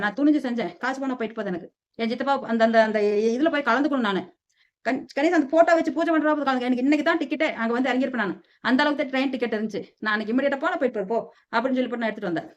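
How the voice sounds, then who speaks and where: Fired-up middle-aged woman ranting into her vlog, high voice, talks super fast, kinda muffled lo-fi audio. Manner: heated, defiant, scolding, repeats "சரியா?". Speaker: lifestyle vlogger. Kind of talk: angry personal rant to camera. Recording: dull lo-fi audio.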